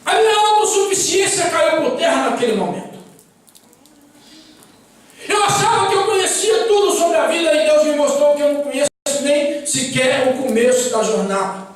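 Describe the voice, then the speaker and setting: A man's voice: very high voice, a bit bright. A man gives a sermon testimony in a church, telling his story dramatically and acting out the dialogue. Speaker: preacher giving testimony. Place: church hall. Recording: very echoey hall, voice far from mic.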